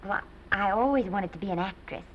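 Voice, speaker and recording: A woman's voice: medium pitch, quick pace, noisy background, close to an everyday voice. A woman playing a shy, hopeful young actress. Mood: earnest. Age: young adult. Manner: earnest, shy, eager. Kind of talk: 1930s film acting. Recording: dull 1930s film soundtrack.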